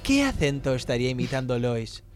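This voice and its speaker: A woman's voice: very deep voice, fairly quick, faint music behind. A woman with a Rioplatense Spanish accent hosting a casual trivia quiz on a podcast, reading questions with stumbles. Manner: animated, reads questions with stumbles and laughs.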